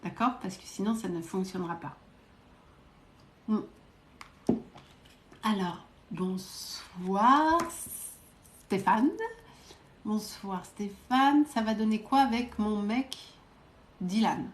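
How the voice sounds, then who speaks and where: A woman psychic medium giving quick readings to viewers during a live stream, direct and coaxing, often adding little verbal tags. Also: mid-range voice, roomy sound, a little hiss or hum. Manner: brisk, direct, coaxing, peppered with "hein" and "euh".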